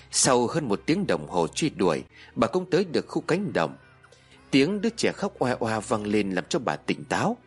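A man reads a horror story with a dramatic, expressive delivery. His husky voice moves lively up and down in pitch. Soft music plays underneath the narration.

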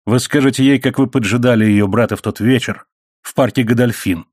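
A man reading an audiobook, voicing a sardonic man who speaks in quiet, mocking tones. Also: medium pitch, brisk, breathy edge, no room sound, clean studio sound, close to an everyday voice. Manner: quietly mocking, grimly sarcastic. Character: sardonic cold-hearted man taking revenge.

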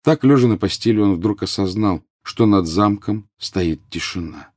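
A man reading a story aloud as an audiobook narrator, in a measured, grave manner. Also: fairly low pitch, darkish tone, no room sound, studio quality. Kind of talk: scripted narration.

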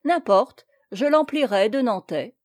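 A woman voicing a hot-tempered, boastful male knight captain in an audiobook, with loud commanding exclamations. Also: on the high side, lively intonation, unhurried. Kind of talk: audiobook character reading.

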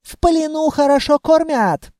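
A man voicing mocking elf soldiers who shout taunts, in an audiobook. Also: very high voice, unhurried, no room sound, clean studio sound, pitched above the performer's own voice. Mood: taunting.

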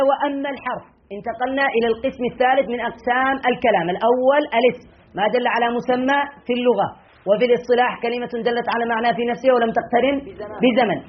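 A man teaching a classroom grammar lesson as a sheikh, questioning his students and repeating key phrases slowly. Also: very high voice. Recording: tinny lo-fi lesson recording.

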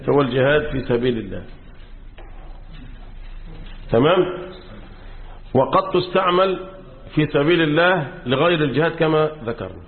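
An Egyptian man teaches Quran commentary to a class and keeps prompting his students to finish his sentences. His voice sits a little high for a man and repeats key words as he explains. The recording is thin and phone-like. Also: expressive, moderate pace, pauses often. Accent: Egyptian Arabic. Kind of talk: classroom lecture.

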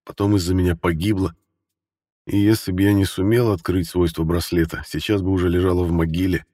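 A man voicing a deep, remorseful husband. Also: level tone, a little fast, dark tone, no echo, clean studio sound, in a large hall. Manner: muffled, sighing. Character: remorseful grieving husband, heavy-voiced. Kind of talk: audiobook character voice.

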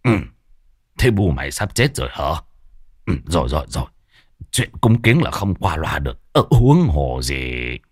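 A man's voice: very deep voice, sing-song, moderate pace, dry recording, clean studio sound, voice pushed down, heavily acted. A man doing a grumpy old village sorcerer. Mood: grave. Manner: gruff, grumbling, irritable.

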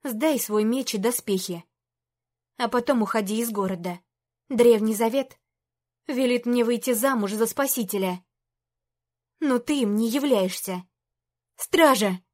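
A woman's voice: fairly high pitch, unhurried, long pauses. A woman voicing a young princess who gives firm, raised-voice commands. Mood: stern verdict. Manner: stern, raised voice.

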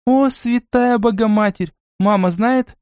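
A man voicing a haughty, spoiled young noble girl in an audiobook, with a shrill, scornful and demanding voice. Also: a little slow, a little mellow, smooth, no room sound, clean studio sound. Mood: astonished.

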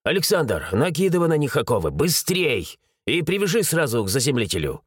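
A man's voice: a little high, big pitch swings, brisk, slightly rough, no room sound, clean studio sound. A man voicing an irritable mustached city constable who talks in curt, growling orders. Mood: gruff.

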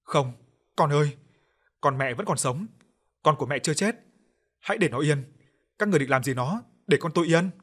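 A man's voice: fairly high pitch, animated, normal speed, pauses often, fairly bright tone, slightly rough. A man voicing a grief-stricken mother who is sobbing and desperately denying her son's death. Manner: desperate, pleading. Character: grief-stricken mother wailing over her dead son.

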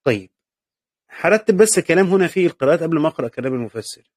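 A man's voice: on the high side, expressive, very fast, a little mellow, no room sound. Man, Egyptian Arabic accent, classroom lecture, patient explainer, repeats key points, dry recording. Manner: patient, asks and answers his own questions, repeats key points. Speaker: teacher of Quran commentary.

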